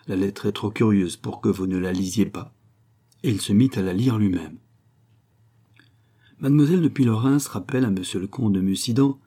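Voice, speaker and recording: A man reading a classic novel aloud as an audiobook narrator, with measured, expressive storytelling. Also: mid-range voice. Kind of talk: scripted literary narration.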